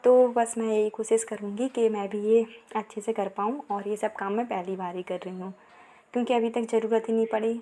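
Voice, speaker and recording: A young woman rambles cheerfully about her home while filming on a handheld phone from the rooftop, full of fillers. Her fairly high, warm voice is quick and fairly even in intonation, and the outdoor recording is noisy.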